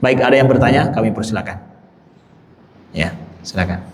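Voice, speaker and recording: A man giving a mosque sermon with questions from the congregation, speaking in an animated way with rising emphasis, repeating phrases and addressing the listeners directly. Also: lowish voice, normal speed, a little hiss or hum. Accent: Indonesian. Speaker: ustadz giving a mosque lecture. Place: large mosque hall. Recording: echoey mosque hall.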